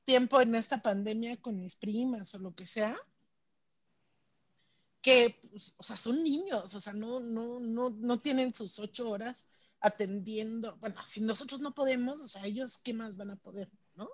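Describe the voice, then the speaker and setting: A woman's voice: on the high side, a little slow, dry recording. A woman with a Mexican Spanish accent, telling stories in casual slangy chat. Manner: animated storytelling with slang.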